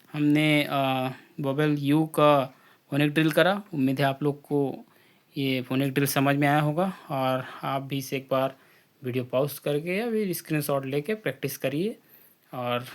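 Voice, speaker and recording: A man teaching an English phonics drill, spelling out letters and blending each sound slowly with repetition. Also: on the high side. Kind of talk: slow phonics drill lesson.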